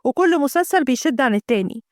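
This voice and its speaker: A woman's voice: high-pitched, lively intonation, quick pace, dry recording, clean studio sound. A woman voicing an easygoing husband with an Egyptian accent, talking in a coaxing, laid-back way. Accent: Egyptian Arabic. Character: easygoing husband who loves TV serials.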